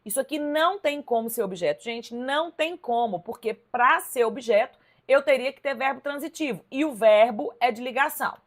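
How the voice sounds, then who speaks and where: A Brazilian woman with a fairly high voice teaches a live online class. She works through exam questions in a lively, emphatic way and keeps turning to her viewers to check that they follow. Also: normal speed. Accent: Brazilian Portuguese. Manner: lively, emphatic, addresses viewers directly with "ó" and "tá vendo?". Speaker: Portuguese teacher.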